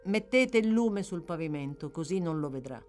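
A woman voicing a young male apothecary's apprentice who speaks in a calm, matter-of-fact way. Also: on the low side, moderate pace, natural voice. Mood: offhand.

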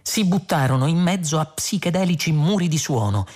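A woman narrating an audiobook with expressive, dramatic storytelling. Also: low-pitched, moderate pace. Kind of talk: audiobook reading.

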